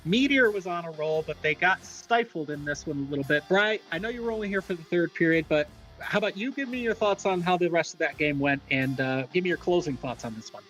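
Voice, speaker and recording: Higher-voiced male play-by-play host. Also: a little fast, a bit bright, faint music behind, low-quality recording. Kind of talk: casual live sports commentary.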